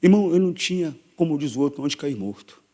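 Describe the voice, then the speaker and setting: Pastor guy preaching, husky voice, kinda high, swings all over, long church reverb. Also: fast. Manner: animated preaching, swings from hushed storytelling to loud emphatic repetition. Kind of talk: sermon. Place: church hall.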